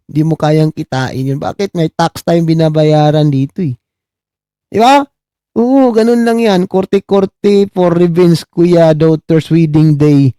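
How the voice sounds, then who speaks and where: A middle-aged man from the Philippines doing casual live-stream commentary, his voice high-pitched but dark and mellow in tone. He mocks his subjects, keeps asking "di ba?" and gives shout-outs to viewers. The sound is dry and close, with no room echo. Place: abroad, talking on a live stream.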